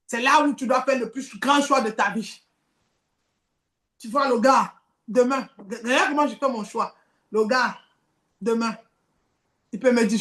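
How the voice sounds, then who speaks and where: A woman's voice: high voice, fairly bright tone, echoey room. A woman preaching a sermon, acting out the tempting voices in dialogue.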